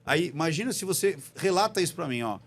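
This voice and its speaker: Fast-talking animated Brazilian man. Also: fairly high pitch. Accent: Brazilian Portuguese. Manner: animated storyteller, acts out voices and intonations. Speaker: podcast guest, behavioral analyst. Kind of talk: casual podcast chat.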